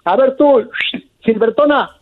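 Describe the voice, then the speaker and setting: A man's voice: very high voice, measured pace. A man voicing a bossy woman who runs a brothel, in a joke told over the phone. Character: stern woman running a brothel. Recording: phone line.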